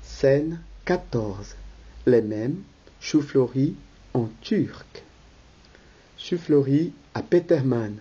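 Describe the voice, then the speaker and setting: Very slow, husky reader of stage directions. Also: lo-fi sound. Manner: flat, low reading of stage directions. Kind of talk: rehearsal read-through of a play.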